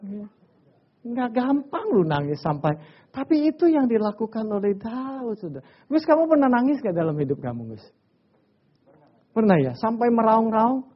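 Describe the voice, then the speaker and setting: A man preaches to his congregation, mixing stories and banter. His delivery swings from hushed asides to loud, emphatic bursts. The recording is a little dull and lo-fi. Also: high voice, breathy edge. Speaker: pastor. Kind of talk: lively sermon with stories and audience banter. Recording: slightly dull lo-fi church recording.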